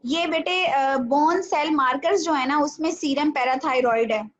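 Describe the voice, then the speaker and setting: A woman teaching a nutrition class online, explaining patiently step by step with small pauses. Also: sits high. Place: home video call. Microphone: laptop or phone mic on a video call. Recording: dull, lo-fi video call audio with faint noise.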